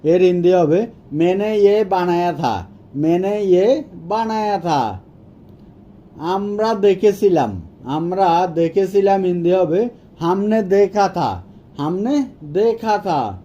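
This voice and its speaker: Slow, dark-voiced man teaching phrases. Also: high voice, expressive, muffled recording. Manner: repeats each phrase slowly and clearly. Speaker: language teacher. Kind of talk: Hindi lesson for Bengali speakers.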